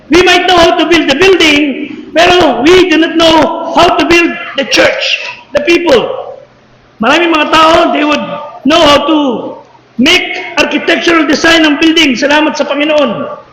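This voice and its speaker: A man with a Filipino accent preaching a sermon as a missionary, mixing Tagalog and English and shouting for emphasis. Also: extremely high pitch, a little slow. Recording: echoey hall with long reverb.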